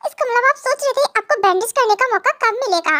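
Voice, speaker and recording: Woman voicing a flustered young wife, scolding, very high voice, lively pitch, fan audio drama. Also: fast talker, heavily acted. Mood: pouty. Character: shy flustered young wife, pouty and bossy.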